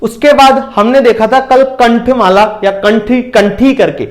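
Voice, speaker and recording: Brief: high-pitched male tutor, exam-prep lecture, keeps asking and answering his own questions. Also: measured pace. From India. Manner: repeats questions and answers them himself, keeps asking if it is clear. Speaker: teacher.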